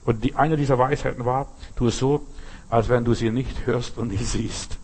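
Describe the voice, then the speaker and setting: Delivering a sermon at a moderate pace, an older man speaks in a mid-range, darkish voice with a breathy edge and fairly even intonation. His manner is emphatic and conversational, and he keeps asking "verstehst?" to make sure people understand.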